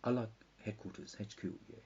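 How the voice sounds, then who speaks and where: A man's voice: on the low side, fairly even intonation, a little fast, warm tone. A tired man, rambling through a meandering mock-lecture that sometimes sinks into whispers. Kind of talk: rambling pseudo-scientific monologue. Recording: dull lo-fi with faint hiss.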